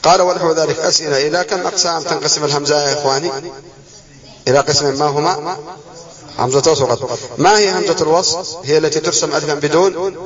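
A man teaching a classroom lesson, reading a text aloud and then firing questions at his students and repeating the key words. His voice sits a bit high for a man and comes from away from the mic. The recording is dull and lo-fi, with a roomful of students clearly audible around him. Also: fairly even intonation, fast talker, distant mic, a crowd in the background. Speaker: teacher of Arabic spelling.

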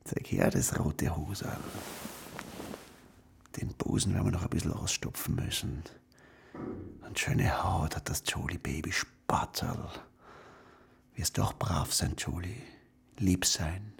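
In this radio play, a sleazy, bossy postwar exploiter who coaxes a girl in a gravelly, husky, half-whispered tone. He speaks very deeply and slowly, and his pitch swings widely. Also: heavily acted. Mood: coaxing. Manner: coaxing, then curt and bossy. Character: sleazy, domineering postwar man grooming a young girl. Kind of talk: radio drama acting.

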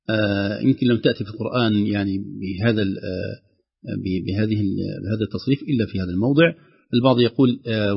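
A man's voice: on the low side, vocal fry, husky, dull audio. A man teaching the rules of Quran recitation, explaining each rule and then reciting the example himself. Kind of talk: tajweed lesson with recited examples.

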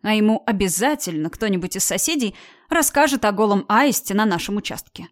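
A woman voicing a loud, bossy, teasing woman of about thirty in an audiobook. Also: medium pitch, lively intonation, fairly quick, close to an everyday voice. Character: brash mocking woman around thirty.

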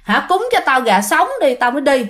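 A woman voicing a demanding male spirit that has possessed a girl, speaking in gruff commands. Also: high-pitched, big pitch swings, brisk, fairly bright tone. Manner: gruff commanding, talks down to listeners.

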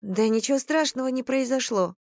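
A reader voicing a meek, flustered young woman who squeaks her lines. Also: a little fast, vocal fry, no room sound, clean studio sound. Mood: timid. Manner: squeaky, breathless.

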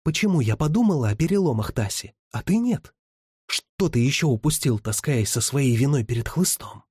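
A man voicing a fierce, tough young woman who scolds in a sharp, raised voice. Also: mid-range voice, animated, normal speed, breathy edge, dry recording, studio quality, voice pushed up. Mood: reproachful.

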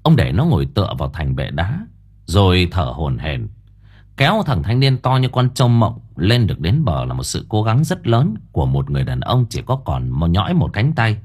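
A man narrating an audiobook in a dramatic, expressive storytelling manner. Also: fairly low pitch, moderate pace, slightly rough.

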